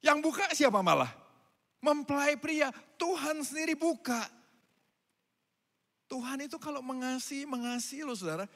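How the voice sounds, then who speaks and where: A pastor preaching a sermon to his congregation, swinging between loud calls and quiet asides. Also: very high-pitched, animated, normal speed, long pauses. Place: church hall. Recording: hall reverb.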